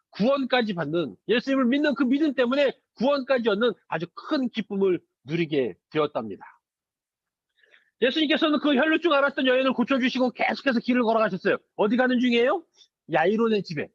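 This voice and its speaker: A children's pastor, a man with a very high voice, retells a story and often stops to ask the children questions. The sound is dry and close, and a little dull and lo-fi. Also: no echo.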